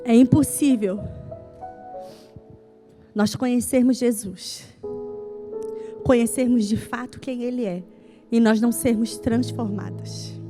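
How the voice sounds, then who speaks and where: A woman pastor preaching a sermon at a church service. She stresses her points by repeating lines and tells stories with lively, voiced dialogue. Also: a little high.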